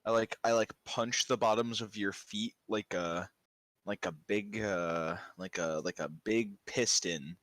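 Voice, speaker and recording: Brief: tabletop player, playful and joking, lowish voice, dry close mic. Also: male voice, measured pace, fairly bright tone, no echo. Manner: playful, describing wild actions. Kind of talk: casual tabletop play.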